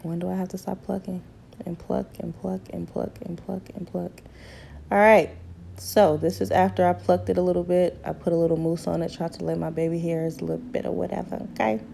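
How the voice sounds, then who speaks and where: A young beauty vlogger, hoarse from a cold, talks through a hair tutorial in her small bedroom at home, her low voice gravelly, mellow and brisk. Chatty and relaxed, she calls her viewers ladies and honey, seated close in front of a camera mic that picks up a faint rumble.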